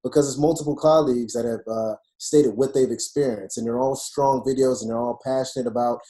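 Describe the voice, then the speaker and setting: Mellow-voiced man speaking emphatically. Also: medium pitch, steady tone, fairly quick. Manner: emphatic, persuasive, peppered with "you know". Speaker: optometrist guest. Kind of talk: conversational interview talk.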